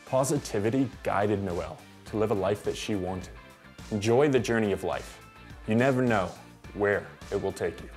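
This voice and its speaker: Deep-voiced male documentary narrator. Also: moderate pace, soft background music. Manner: even, earnest voice-over. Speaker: host narrator. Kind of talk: scripted narration.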